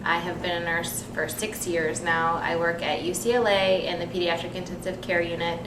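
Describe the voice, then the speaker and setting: A woman's voice: on the low side, normal speed. A young woman chatting casually in an interview with many fillers, about her life. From United States. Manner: relaxed and chatty, many ums. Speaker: interviewee, nurse and figure athlete. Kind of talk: casual self-introduction. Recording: echoey room, mic from far off, noisy.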